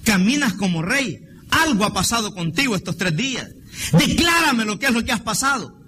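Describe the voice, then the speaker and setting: A man preaching voices Saul's astonished older uncle, asking slow, marveling, insistent questions over steady background noise. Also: high-pitched, reverberant, full character voice. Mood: amazed.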